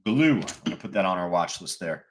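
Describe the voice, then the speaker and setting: A man's voice: deep voice, expressive, fast, a little hiss or hum. A man casually commenting on live stock charts as a trading educator, chatty and self-deprecating. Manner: chatty, self-deprecating, fillers like "you know".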